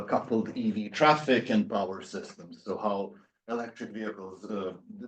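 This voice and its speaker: A man in his thirties from Serbia, giving an academic lecture with many fillers and restarts. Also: fairly low pitch. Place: university seminar room.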